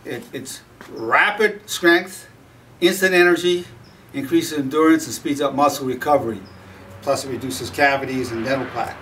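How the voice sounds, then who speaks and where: A man in his seventies talking to camera in a small home gym, rambling and halting with many pauses and fillers. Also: medium pitch, a bit bright, far from the mic, slight background noise. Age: 70s. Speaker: fitness vlogger promoting his product. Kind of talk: casual talk to camera.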